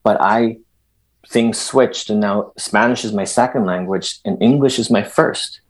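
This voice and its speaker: Speaking at a slightly slow pace in a husky, fairly low voice, a middle-aged man from El Salvador is interviewed conversationally as a guest. He's animated, often restarting his sentences and throwing in emphatic asides.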